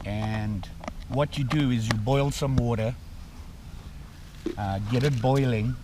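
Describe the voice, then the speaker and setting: A middle-aged man from Zimbabwe, chatting casually through an outdoor cooking vlog in snowy woods, relaxed and full of fillers. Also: mid-range voice, takes it slowly, noisy background. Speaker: outdoor vlogger.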